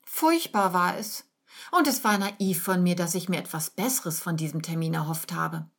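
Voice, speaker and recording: A woman reading aloud gives voice to a dramatic young office worker in a storybook tale. She complains in a raised, whiny, indignant rush, her tone husky and breathy. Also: fairly low pitch, normal speed. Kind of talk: audiobook character reading.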